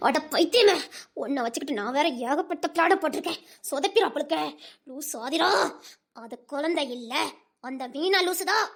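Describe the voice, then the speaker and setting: A woman's voice: high voice, lively intonation, moderate pace. A woman voicing an exasperated village mother who scolds bluntly, with a Tirunelveli Tamil accent. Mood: scolding. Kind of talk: Tamil serial drama dialogue.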